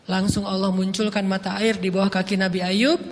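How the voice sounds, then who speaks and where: A man in his thirties preaching a storytelling sermon, acting out the quoted dialogue in a raised, lively voice. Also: high-pitched, brisk. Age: 30s. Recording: long hall reverb.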